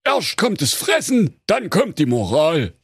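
Squawky comic wolf, gravelly and swooping, bossy and cranky, for a spoof fairy tale. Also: male voice, fairly high pitch, wildly swooping pitch, unhurried, fairly bright tone, dry recording, studio quality, pitched above the performer's own voice, heavily acted. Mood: smug. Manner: squawking and bossy, snapping at his partner. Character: big bad male wolf, greedy, bossy and cranky.

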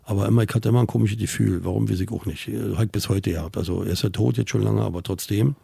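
A middle-aged man recounts his own story in an interview, blunt, colloquial and emotionally charged. His voice is deeply gravelly, dark and husky. The recording is close and dry. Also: fairly even intonation, fast, no echo. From Berlin, Germany. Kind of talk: personal testimony in an interview.

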